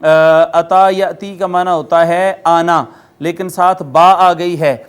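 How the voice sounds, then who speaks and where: A male lecturer with a Pakistani Urdu accent teaches Arabic grammar to viewers. His voice sits high and sounds smooth and clear. He works through each word methodically and repeats its meaning patiently. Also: steady tone. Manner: chants Quranic words slowly in a drawn-out recitation tone. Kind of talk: classroom-style recorded lecture.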